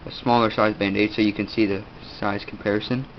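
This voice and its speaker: On a dull lo-fi recording with faint room noise, a video host, a teenage boy with a stuffed-up nose, does a casual show-and-tell of his kit. He speaks on the low side with flat delivery. His talk rambles and halts, packed with fillers.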